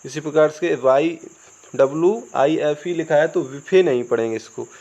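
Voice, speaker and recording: A fairly high-voiced Indian man leads an English lesson, spelling out each word letter by letter and then answering his own questions. The recording is dull and lo-fi, with crickets chirping faintly behind him. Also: moderate pace, mellow. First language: Hindi. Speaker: English teacher. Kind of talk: classroom-style spoken lesson.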